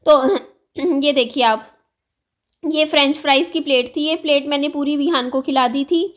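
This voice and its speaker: Soft-spoken Hindi vlogger woman, strained throat. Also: normal speed. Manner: low-spirited, confiding, rambling with restarts. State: sore, strained throat with throat clearing. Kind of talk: casual chat to camera.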